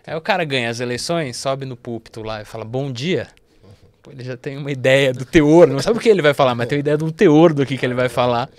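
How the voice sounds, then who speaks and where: Brazilian male podcast guest, average pitch, animated and explanatory, stumbles and restarts often. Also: fast, few pauses, dry recording. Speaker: investment firm partner, guest. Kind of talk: casual podcast interview.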